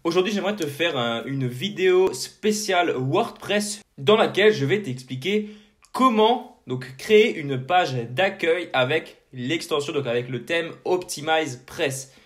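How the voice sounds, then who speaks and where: A man hosting a screen-recorded software tutorial, talking casually to the viewer with many fillers and restarts. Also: on the high side, expressive, measured pace. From French-speaking. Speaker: tutorial host.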